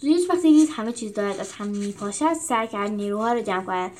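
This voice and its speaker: A woman hosting a show, reading a storybook aloud in a steady narrating voice. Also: medium pitch. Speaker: storyteller and host.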